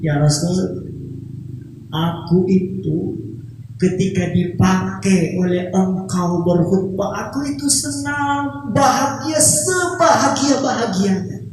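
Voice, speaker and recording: A man voicing an old wooden pulpit that weeps, speaking in a high, tearful, pleading voice. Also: takes it slowly, far from the mic, slight background noise. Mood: tearful, yearning. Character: weeping old wooden pulpit, tender and sorrowful. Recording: echoey hall.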